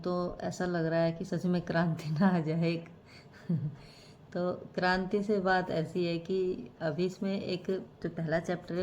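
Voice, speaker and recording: A woman vlogger talking casually to camera in a reflective way, pausing often with fillers. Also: lowish voice, dark tone, slight background noise. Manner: reflective, musing, with many fillers and hesitations.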